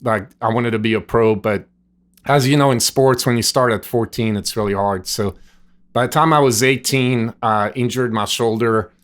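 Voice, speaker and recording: Answering interview questions with stories from his life, this nutrition store owner from Switzerland talks at normal speed in a steady, medium-pitched voice. A native French speaker with a Swiss French accent, the middle-aged guest is earnest and rambling, filling gaps with "like" and "you know" on a podcast recorded at a gym.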